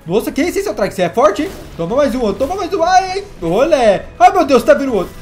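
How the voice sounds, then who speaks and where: A man hosting a gaming video, narrating in character as his dinosaur with an excitable, theatrical delivery. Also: very high voice, brisk, soft background music. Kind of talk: role-played game narration.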